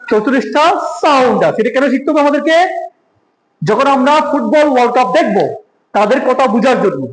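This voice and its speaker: Man, native Bengali speaker, English teacher, very high voice, quizzing the class, repeating points, roomy echo. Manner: keeps asking the class questions; repeats key points and drills pronunciation. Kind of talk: spoken English lesson.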